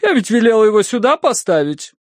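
A man voicing an excitable, flustered society hostess who gushes eagerly. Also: high-pitched, fairly quick, dry recording, clean studio sound, voice pushed up. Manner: gushing, breathless eagerness.

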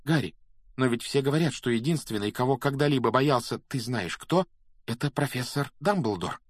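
A man voicing an anxious but reassuring young schoolgirl in a storybook reading, talking quickly and earnestly. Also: mid-range voice, expressive, slightly rough, dry recording, studio quality, pitched above the performer's own voice.

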